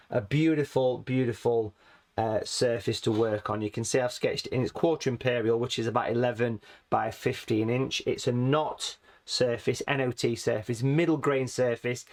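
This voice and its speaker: A man teaching watercolour painting in a chatty, friendly way, his voice a little hoarse and rusty from hay fever. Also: mid-range voice. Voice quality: rusty, slightly raspy. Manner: chatty, friendly, calls viewers folks. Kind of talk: casual painting tutorial.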